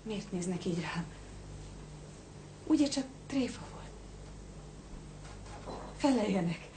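A woman's voice: mid-range voice, lively intonation, mellow, slight background noise, lightly acted. An actress dubbing the dead man's sister in a film, a suspected woman speaking defiantly and with agitation. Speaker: dubbing actor. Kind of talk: dubbed film acting.

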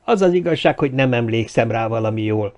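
A man's voice: mid-range voice, lively intonation, lightly acted. A male narrator voicing a vague, detached man who talks hesitantly and trails off. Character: vague, detached adult man, unsure of himself.

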